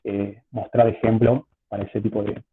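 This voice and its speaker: A man's voice: fairly low pitch, little pitch movement, normal speed, husky. Man lecturing over choppy, phone-like call audio. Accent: Argentine Spanish. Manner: hesitant, repetitive phrasing while explaining. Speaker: university statistics lecturer. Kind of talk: informal online lecture.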